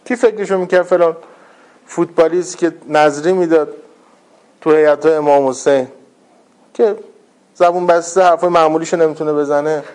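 A man preaching in a relaxed, conversational way, his voice sitting a little high for a man. He slips into other people's voices when he quotes them and pushes his delivery harder as he builds a point. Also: pauses often. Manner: conversational, acts out quoted voices with rising intensity. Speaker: religious speaker. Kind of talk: colloquial religious talk.

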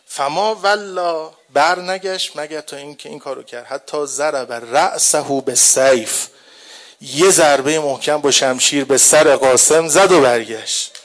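Preacher, male, slightly high voice; tells the story quietly, then chants and grieves aloud. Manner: rises from quiet telling to loud grieving lament; recites passages in slow chanted lines. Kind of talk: mourning sermon narration.

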